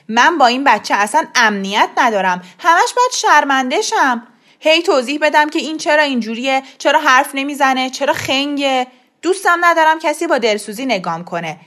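A woman voicing an angry middle-aged father who scolds his wife in loud, harsh outbursts. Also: high voice, pitched above the performer's own voice. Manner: shouting angrily, scolding.

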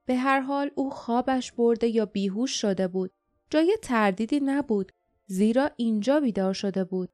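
Woman reading a storybook aloud, steady pace, kinda high voice, quiet music behind. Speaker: audiobook narrator. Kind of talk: scripted audiobook narration.

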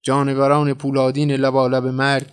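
A man's voice: mid-range voice, monotone, clear, resonant tone. Man narrating a dramatic story. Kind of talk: audiobook narration of a short story.

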